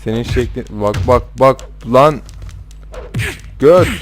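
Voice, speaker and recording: A man's voice: mid-range voice, takes it slowly, soft background music. A young man commentating his own gameplay in casual talk, rowdy and swearing at the characters on screen. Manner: rowdy, swearing, trash-talking the game characters. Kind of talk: casual let's-play commentary.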